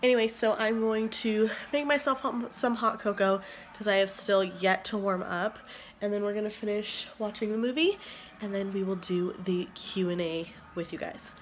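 A woman's voice: mid-range voice, steady tone, normal speed, a little hiss or hum. A young woman in her twenties chatting casually to camera for her vlog, her voice stuffy from a cold. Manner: chatty and upbeat, with many "like"s. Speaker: vlogger.

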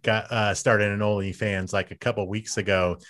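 A man hosting a podcast, chatting casually, agreeing often and asking the guest relaxed questions. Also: fairly low pitch, normal speed, no echo, studio quality. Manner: easygoing, lots of short agreeing "yeah"s and laughs. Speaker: podcast host.

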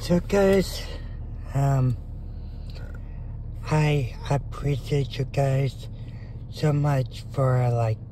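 Male vlogger, very slow and halting, mellow tone, phone mic outdoors with faint background noise. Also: mid-range voice, poor audio. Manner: halting, many fillers and restarts. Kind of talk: casual vlog talk. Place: outdoors on a suburban sidewalk, then in a car. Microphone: phone held in hand.

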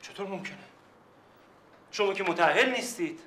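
An actor playing a formal, courteous office clerk in a TV sitcom. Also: male voice, high voice, lively intonation, background noise. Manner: formal and polite. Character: formal, courteous male official handling applicants. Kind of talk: sitcom acting. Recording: echoey room.

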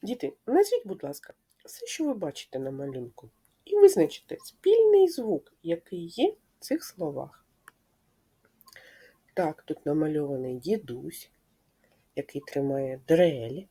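A woman speech therapist giving a slow, clear lesson to preschool children, patiently asking questions and confirming their answers. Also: low-pitched, big pitch swings, warm tone.

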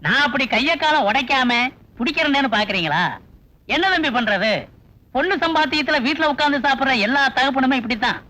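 A man's voice: very high voice, lively intonation, fairly quick, sharp tone, heavily acted. An actor playing an easygoing, witty father who teases his daughter's suitor, delivered as 1980s film dialogue. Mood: wry. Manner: teasing, wry, fatherly. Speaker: father of the heroine. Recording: film soundtrack with music underneath.

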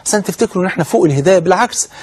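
Egyptian male preacher, husky voice, very fast fervent sermon delivery. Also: sits high, expressive. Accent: Egyptian Arabic. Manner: fervent, with rhetorical questions and oaths.

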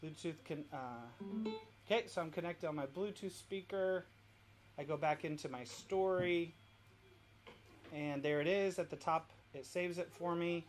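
Soft music plays behind a man whose voice is a little high and a little slow. He is hosting a family worship demo from home, giving a casual step-by-step walk-through, and the home recording is noisy.

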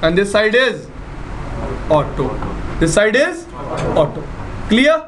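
A man's voice: sits high, very animated, slow pace, noisy background. A man with a North Indian accent giving a classroom technical lecture, repeating questions and often checking that learners follow. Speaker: networking instructor. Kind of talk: classroom lecture with on-screen demonstration.

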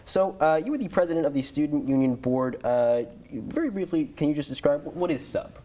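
A man's voice: a little high, expressive, brisk, mellow. A young man hosting a casual college interview show, nasal from a cold and tripping over his words. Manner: chatty, stumbling restarts. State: under the weather, nasal from a cold. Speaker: show host.

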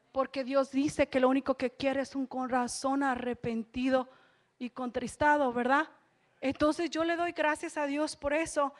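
A woman, preaching a church sermon in an earnest way and repeating phrases for emphasis. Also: high voice. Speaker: lay preacher. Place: church service.

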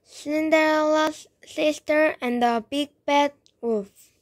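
Slow, gentle woman reading a children's story. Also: high-pitched, fairly even intonation, no room sound. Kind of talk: children's read-aloud narration.

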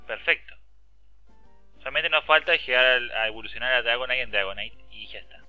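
A gameplay commentator with an Argentine Spanish accent chats casually, reads game text aloud, rants and swears often. His mid-range voice is brisk, pushed and bright, and the dry, dull lo-fi recording has soft music in the background.

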